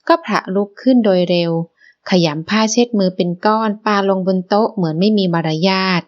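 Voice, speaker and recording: A woman narrating a romance novel as an audiobook, in a measured storytelling manner. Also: medium pitch, muffled recording.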